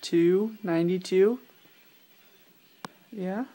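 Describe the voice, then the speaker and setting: A young father at home in his apartment, patiently quizzing his toddler with playful questions and soft laughs. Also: high voice, fairly even intonation, extremely slow. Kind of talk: casual home video chat with a toddler.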